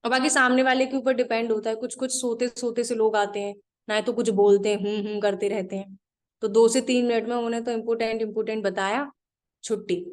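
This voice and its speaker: This is a trainer leading a live class online, speaking in a fairly high voice with a flat delivery. She's practical and to the point, stepping through her material item by item and going over it again slowly for note-takers.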